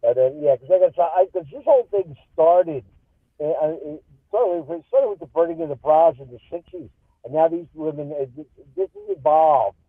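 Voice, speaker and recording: A man talking as a remote guest on a political chat show, halting with many restarts, over a garbled, breaking-up line. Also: a little high, very animated, slightly rough, no room sound. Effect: breaking-up, garbled remote audio line. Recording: tinny, distorted remote call line.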